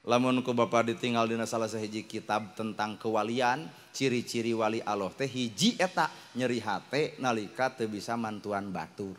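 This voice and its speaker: A middle-aged man preaching a lively, humorous sermon with a Sundanese accent, often acting out quoted people in a raised voice. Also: normal speed. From West Java, Indonesia. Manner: lively, jokey, acts out quoted wives and angels in high voices.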